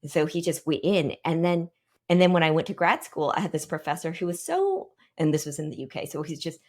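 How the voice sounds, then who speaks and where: A woman's voice: sits low, lively intonation, darkish tone. A woman in her forties from the Pacific Northwest, leading a reflective workshop talk for a team and often checking in with questions. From Pacific Northwest, United States. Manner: reflective, pausing, asks the group questions. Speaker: workshop guest speaker.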